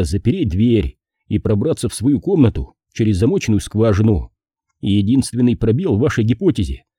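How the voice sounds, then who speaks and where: A sardonic, hard-drinking private detective, read by a man with a dry, unhurried mockery. His voice is warm and husky with lively pitch, close and dry. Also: no room sound.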